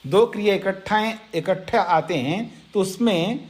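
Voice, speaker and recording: A man's voice: sits high, unhurried. A man, a monk, giving an explanatory scripture lecture, speaking directly to listeners and repeating key points. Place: ashram lecture setting.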